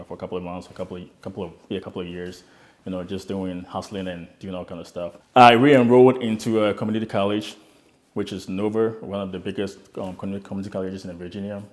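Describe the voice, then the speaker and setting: This low-sitting, darkish male voice belongs to a young founder from Ghana being interviewed about how he immigrated and built a start-up. Speaking earnestly, he reflects on his own journey, frequently restarting and repeating words along the way.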